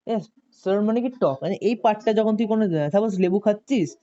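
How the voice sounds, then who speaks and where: Here the tutor's mid-range voice is mellow and very fast. Still chatty, the online coaching session is full of questions to students, checks on whether they're keeping up, and repeated "ঠিক আছে". Sound quality is dull and lo-fi.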